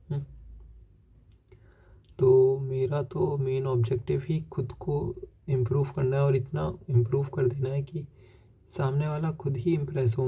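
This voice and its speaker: Young man, confessional monologue, self-searching, rambling, monotone, dull lo-fi audio. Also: medium pitch. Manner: rambling, self-searching, repeats "ठीक है" as filler. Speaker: vlogger.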